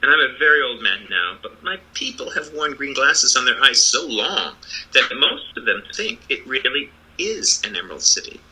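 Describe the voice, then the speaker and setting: Bright-voiced, animated old humbug wizard played by a man. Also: medium pitch, normal speed, husky, heavily acted, low-quality recording. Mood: confiding, explanatory. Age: older. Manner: earnest, explanatory. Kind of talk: storybook reading.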